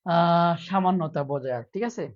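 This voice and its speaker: A man's voice: a little high, normal speed, highs cut off. A male teacher giving a live online lesson, quizzing his students by repeating questions and urging them to answer. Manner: playful, acts out a mock plea before teaching, quizzes students with repeated questions.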